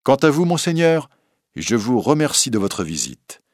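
A man's voice: medium pitch, sing-song, normal speed, darkish tone, dry recording, studio quality, voice pushed up. A man voicing a bold, generous outlaw who speaks with confident, mocking politeness. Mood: magnanimous. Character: bold, generous male outlaw, young adult.

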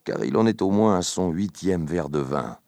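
Audiobook narrator, man, extremely low voice, dry sound. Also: expressive, moderate pace, mellow, dry recording.

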